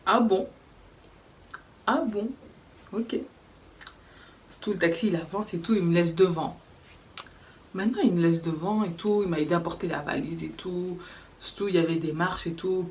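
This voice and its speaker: A young woman chatting casually as she tells a personal story for her vlog, animated and acting out the people in it. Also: lowish voice, distant mic, a little hiss or hum. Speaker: YouTuber telling a story.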